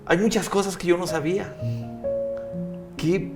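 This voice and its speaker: A woman's voice: on the low side, a little slow, over music. A woman with a Mexican accent hosting an interview, reacting with short empathetic interjections and slang. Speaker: host. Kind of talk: interview, casual chat.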